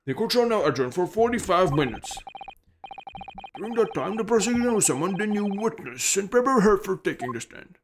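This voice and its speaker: A man's voice: high voice, sing-song, a little fast, noisy background, pitched above the performer's own voice. A man voicing an older male judge who speaks formally and doubtfully, in a fan dub of a video game. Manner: formal, ponderous court speech.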